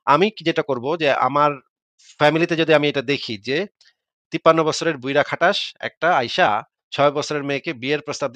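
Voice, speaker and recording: A man's voice: medium pitch, fairly bright tone, no room sound. A man hosting a heated live online debate, arguing his case and retelling arguments with rising emphasis. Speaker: debate host.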